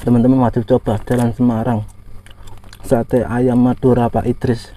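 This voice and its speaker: Man food vlogger, talking while chewing, mid-pitched, casual, faint traffic behind. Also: flat delivery, normal speed, dark tone. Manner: addresses viewers as friends, simple descriptive. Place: outdoor street food stall.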